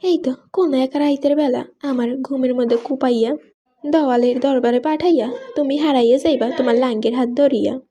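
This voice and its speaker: A woman's voice: on the high side, moderate pace, mellow, husky, soft background music. A woman reading the part of a blunt, foul-mouthed young husband in an audiobook, in coarse, rustic, teasing speech. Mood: mocking.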